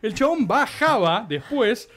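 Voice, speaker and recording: A man in his thirties with a Rioplatense accent, telling a comic history story on a podcast, animated, slangy and laughing. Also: very high-pitched, measured pace. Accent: Rioplatense Spanish. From Argentina. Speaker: podcast host. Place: radio studio.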